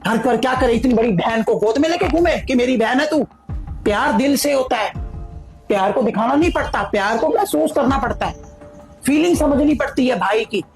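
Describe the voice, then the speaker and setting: Actress playing a scolding mother, middle-aged, firm and preachy, high-pitched. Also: expressive, normal speed, a little mellow, faint music behind. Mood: stern. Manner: scolding, lecturing, emphatic repetition. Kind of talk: family drama acting.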